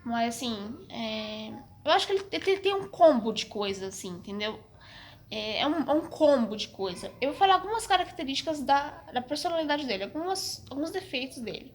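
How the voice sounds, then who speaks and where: A woman's voice: sits high, very animated, fairly quick. Chatty young Brazilian woman, hesitant. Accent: Brazilian Portuguese. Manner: hesitant, repeats and restarts often, frank. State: coughing, slightly sick. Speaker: vlogger. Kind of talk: casual personal storytelling to camera.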